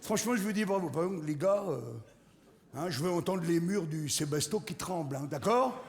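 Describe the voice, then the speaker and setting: A man's voice: high voice, lively intonation, fairly quick. A middle-aged man performing a crude, teasing stand-up routine on a theatre stage, egging on his audience. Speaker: stand-up comedian. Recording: live hall recording, loud crowd.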